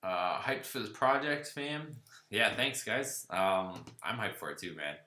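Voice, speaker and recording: A man's voice: fairly low pitch, expressive, unhurried, pushed and bright, echoey room. A man hosting a casual livestream Q&A, reading viewer comments aloud and chatting back loosely. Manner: laid-back, reads viewer comments aloud and riffs on them. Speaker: host of a car channel livestream. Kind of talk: casual live Q&A reading chat.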